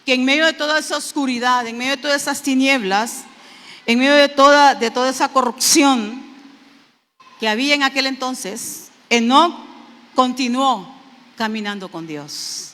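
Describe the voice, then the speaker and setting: A woman from Mexico preaching a sermon, emphatic, repeating phrases for stress and swinging between soft and loud. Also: fairly high pitch. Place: church sanctuary. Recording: long hall reverb from a church.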